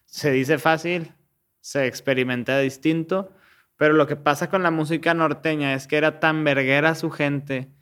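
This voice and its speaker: A man's voice: on the high side, steady tone, normal speed, fairly bright tone, clean tone. A man, casually explaining music theory step by step on a podcast, slangy and full of restarts.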